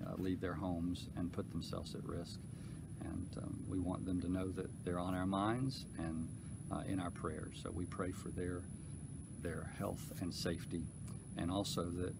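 A man in his forties, a pastor giving church updates and a prayer outdoors, speaking unhurriedly with many pauses and fillers. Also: sits low, vocal fry. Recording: outdoor noise behind voice.

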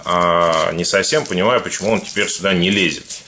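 A man with a deep voice and a defective, burred R talks casually through an unboxing. His delivery is conversational and halting, addressed informally to viewers. There is clear noise behind him, with clicks. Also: sharp tone. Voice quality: burr, defective pronunciation of the R sound. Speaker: video blogger unboxing parcels. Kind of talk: casual product unboxing commentary.

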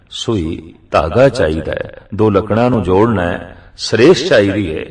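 A man giving a religious discourse as a preacher, speaking in a slow, measured way and drawing out the verses he recites. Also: lowish voice, darkish tone, recorded from a distance.

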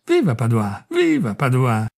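A man voicing a boisterous, crude male soldier in a read-aloud story, loud and jeering. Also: medium pitch, wildly swooping pitch, a little slow, gravelly, exaggerated voice.

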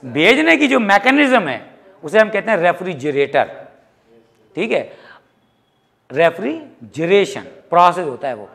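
Lively, high-voiced man teaching physics. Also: measured pace, creaky, pauses often. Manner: lively, jokey, mixes English terms into Hindi. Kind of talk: classroom lecture.

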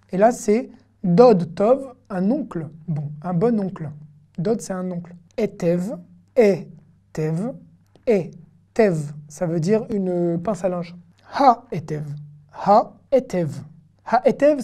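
A woman teaching an online language lesson, spelling out syllables slowly and patiently checking in with her viewers. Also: mid-range voice, dark tone.

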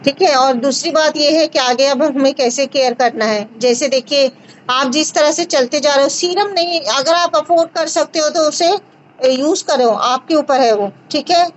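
A woman in her thirties hosting a casual video call chat, reassuring and warm in manner, blessing her guest with pious phrases. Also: sits high, normal speed. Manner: warm, reassuring, says mashallah. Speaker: host of a home remedy channel. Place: small room indoors. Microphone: video call on phone. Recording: dull lo-fi video call audio.

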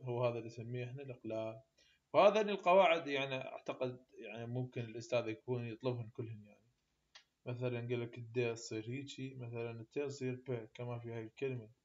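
A man with an Iraqi Arabic accent tutoring university English, explaining sound changes and repeating example words slowly and deliberately. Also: mid-range voice. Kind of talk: explaining a linguistics lecture. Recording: slightly dull lo-fi recording.

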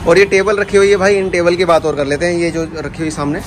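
A man's voice: high voice, level tone, fast talker, music in the background. A young man vlogging from a furniture showroom, casually chatting with the staff and repeating prices back. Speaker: vlogger touring a furniture shop. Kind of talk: casual chat with shop staff. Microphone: handheld camera. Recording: noisy showroom audio.

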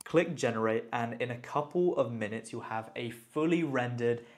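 A man's voice: medium pitch, normal speed. A man hosting a casual tutorial, enthusiastically talking the viewer through each step. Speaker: tutorial host. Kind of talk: casual screen-recorded tutorial.

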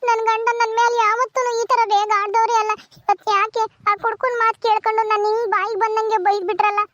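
A woman's voice: very high-pitched, level tone, a little fast, a bit bright, dull audio. A woman acting a distraught young village wife who wails and laments in a sobbing voice, speaking. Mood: tearful. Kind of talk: village family drama.

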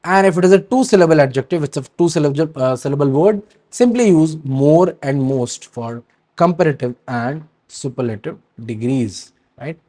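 A male teacher with a voice pitched a little high explains grammar rules to students. He keeps checking in with a quick "right?" and reads through word lists in a steady rhythm that drops at the end of each set. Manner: checks in with a frequent "right?" and stops to hesitate.

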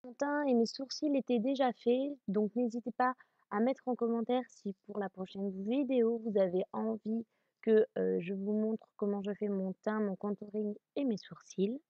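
A woman's voice: on the high side, fairly even intonation, normal speed, no echo, lo-fi sound. A woman narrating a makeup tutorial in a casual voice-over, chatty with many hesitations.

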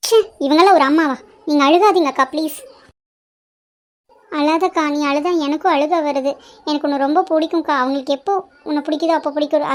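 A woman's voice: sits high, lightly acted. A woman voicing a spirited young woman who scolds her mother and defends her elder sister in a cartoon. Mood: comforting. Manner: indignant, earnest, protective. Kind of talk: cartoon voice acting.

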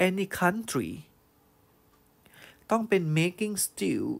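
A male teacher giving an online English grammar lesson. He reads test sentences slowly, then explains them fondly, calling students "child" and checking they follow. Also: sits high, vocal fry. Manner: fond, calls students "child" and checks understanding.

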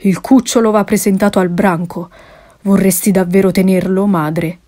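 A woman voicing a calm, serious father wolf in her own plain voice. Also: mid-range voice, normal speed, lightly acted.

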